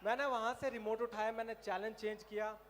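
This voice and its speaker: A man from Himachal Pradesh doing animated stand-up comedy on an outdoor festival stage, telling stories. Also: high voice, a little fast. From Himachal Pradesh, India. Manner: animated storytelling, puts on animal and cartoon voices. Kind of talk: stand-up comedy at a college fair.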